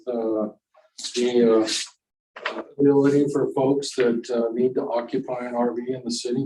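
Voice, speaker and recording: Give me a man with a mellow voice presenting a staff report in halting, hesitant speech. He is distant from the mic in an echoey room with faint noise behind him. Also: mid-range voice. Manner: halting, many filler sounds. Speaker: city staff member. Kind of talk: staff report at a council meeting. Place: council chamber. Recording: roomy and far from the mic.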